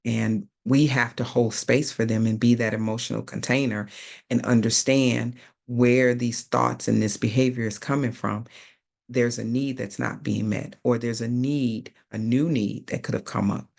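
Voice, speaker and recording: A man's voice: mid-range voice, fairly even intonation, normal speed, creaky, a little mellow. A man presenting a webinar, explaining thoughtfully with hesitant ums and uhs. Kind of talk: unscripted teaching talk.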